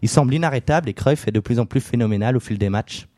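A man's voice: medium pitch, quick pace, a little mellow, no echo, clean studio sound. A man on a casual podcast, telling football history in a loose storytelling way, with many fillers and jokes. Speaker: podcast co-host.

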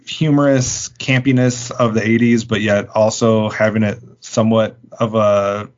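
A man co-hosting a podcast in a relaxed, rambling casual chat. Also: on the low side, unhurried. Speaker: podcast co-host. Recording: dull lo-fi podcast audio.

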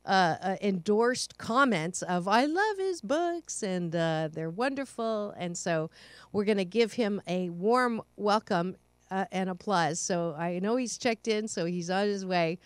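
A woman's voice: mid-range voice, a little slow, clean tone, dry recording. A middle-aged woman hosting a talk show in a bubbly, effusive way, with frequent laughter. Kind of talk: casual interview chat.

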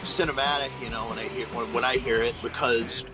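A man's voice: medium pitch, steady tone, brisk, music in the background. A man, a songwriter, reminiscing in an interview, rambling with lots of fillers and casual swearing. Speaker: band songwriter.

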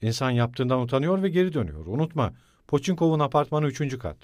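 A man voicing a shouting hot-tempered student. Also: mid-range voice, big pitch swings, fast talker, no room sound, lightly acted. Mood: insistent. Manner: loud, blustering, pleading.

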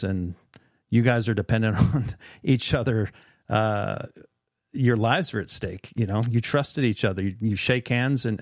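A man's voice: on the low side, no echo. Earnest middle-aged man, dry close sound. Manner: earnest, reflective, with many fillers. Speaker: podcast host. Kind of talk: casual conversation.

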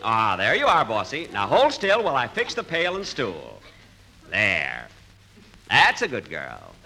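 An actor playing a good-natured, bumbling husband trying farm life in a 1940s radio comedy. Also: male voice, lowish voice, wildly swooping pitch, unhurried, bright, forceful tone, full character voice. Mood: muddled, soothing. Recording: very noisy old 1940s radio recording.

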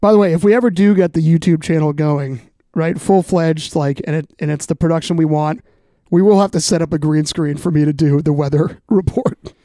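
A man's voice: a little high, brisk, mellow, dry recording, studio quality. A man co-hosting a casual sports podcast, laid-back and joking. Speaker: podcast co-host.

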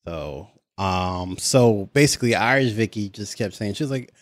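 A man's voice: lowish voice, animated, moderate pace, no room sound, clean studio sound. A man co-hosting a podcast, casually telling a story with frequent laughs and the odd swear word. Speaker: podcast co-host. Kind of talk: casual chat.

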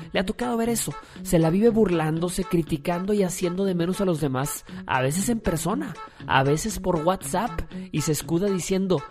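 A man delivers a scripted motivational talk in a mellow, warm voice, speaking formally and directly to the listener. His manner is preachy and emphatic. Soft music plays faintly underneath. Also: sits high.

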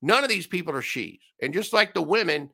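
A man's voice: a little high, expressive, brisk, vocal fry, pushed and bright. A man hosting a solo commentary show, ranting with sarcastic, mocking asides.

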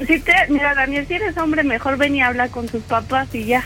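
Here a man puts on a worried young sister in a radio prank call. She sounds very high and bright, insistent and pushy. A little music plays faintly behind her. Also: normal speed. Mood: indignant. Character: worried young woman, the sister, pleading and scolding.

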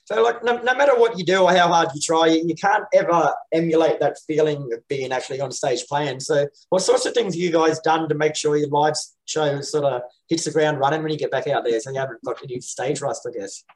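A man's voice: fairly high pitch, fairly quick, few pauses, low-quality recording. A man hosting a casual music interview in a blokey, matey, sweary way.

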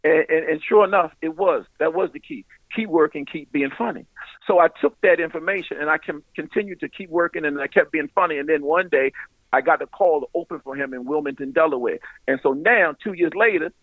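A middle-aged man, a stand-up comedian, telling stories in casual animated chat, laughing often and talking in loose street slang. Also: a little high, fairly quick, no room sound. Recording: phone-like radio line.

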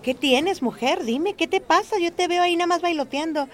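A woman voicing a bossy but caring middle-aged market-stall woman who talks loudly and urgently. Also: extremely high pitch, moderate pace, pitched above the performer's own voice. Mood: worried. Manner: loud, urgent, fussing.

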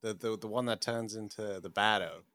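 A man's voice: fairly low pitch, steady tone, a little fast, fairly bright tone. A man co-hosting a movie podcast, reacting to his partner with short exclamations and wrapping up the show. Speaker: podcast co-host. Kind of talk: casual chat, signing off the show.

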